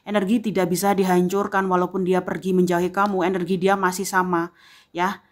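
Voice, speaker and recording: A woman giving a tarot reading, speaking straight to the viewer and tagging most phrases with a soft "ya". She repeats phrases slowly for emphasis. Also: fairly low pitch, little pitch movement. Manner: addresses the viewer directly, filling pauses with a frequent "ya"; slow, emphatic repetition of phrases. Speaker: tarot reader.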